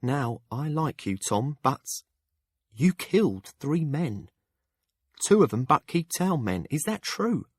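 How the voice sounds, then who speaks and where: A man's voice: mid-range voice, big pitch swings, a little slow, few pauses, no room sound, studio quality, pitched above the performer's own voice. A man voicing a blunt, shrewd middle-aged townswoman who reads palms, speaking frankly in an audiobook. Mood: firm. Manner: frank and sharp-tongued. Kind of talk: audiobook character voice.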